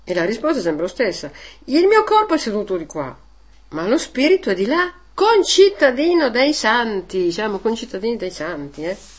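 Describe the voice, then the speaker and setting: Woman catechist, slightly high voice, chatty teaching tone, rhetorical questions, halting restarts. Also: very animated. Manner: conversational, frequent rhetorical "eh?" tags; hesitant restarts. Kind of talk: informal religious teaching.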